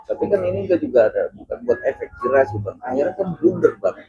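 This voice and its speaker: Mellow male interviewer, faint music. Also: medium pitch, sing-song, quick pace, breathy edge, highs cut off. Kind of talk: informal interview questioning.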